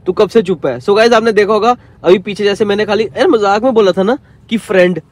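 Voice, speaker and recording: A man's voice: high-pitched, fairly quick. A young man in his twenties, vlogging casually from inside a car, coaxing and teasing his girlfriend and then growing exasperated. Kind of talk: casual vlog chat while driving. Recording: faint outdoor traffic noise. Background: car and street sounds.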